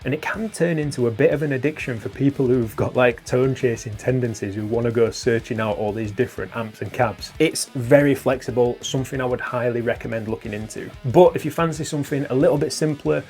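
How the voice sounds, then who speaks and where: A man's voice: mid-range voice, fairly quick, few pauses, darkish tone. A young British man hosting a guitar channel, talking gear casually, swearing and laughing at his own jokes. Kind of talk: casual gear talk to camera.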